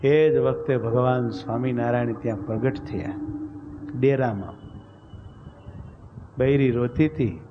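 A man tells a devotional story at a mid pitch. His narration is vivid and dramatic, and faint noise hangs in the background. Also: a little slow, pauses often, lo-fi sound. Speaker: religious storyteller.

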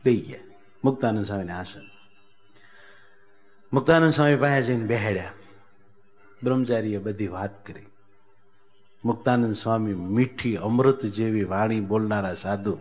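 A man telling a devotional story as a sermon, animated, raising his voice when he speaks for the characters. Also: normal speed, long pauses. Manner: animated storytelling, voicing characters with raised pitch. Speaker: religious storyteller.

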